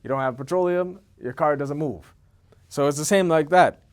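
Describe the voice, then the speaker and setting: Male, 30s, from Ethiopia, slightly high voice. Casual, rambling to-camera promo with lots of repetition and "okay?" tags. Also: normal speed. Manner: rambling, repeats words, keeps asking "okay?". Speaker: event organizer.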